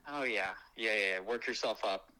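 A man's voice: lowish voice, moderate pace, bright, forceful tone, rough recording. Joking man over speakerphone. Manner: laid-back, joking. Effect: heard over a phone on speakerphone. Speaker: guest comedian. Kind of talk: casual phone chat.

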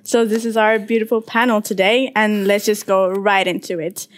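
A woman's voice: mid-range voice, normal speed. Young woman moderating a panel. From Ethiopia. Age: 20s. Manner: relaxed, frequent agreeing murmurs. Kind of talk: live panel discussion. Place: live event venue.

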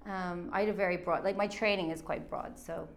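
A woman's voice: fairly low pitch, fairly even intonation, a little fast, vocal fry, slight background noise. A woman who teaches children drama, chatting casually and enthusiastically as an interview guest. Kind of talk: casual chat.

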